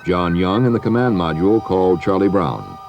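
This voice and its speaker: Deep guy doing documentary narration, really varied intonation, music behind him. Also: animated, normal speed, gravelly, darkish tone, lo-fi sound. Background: background music.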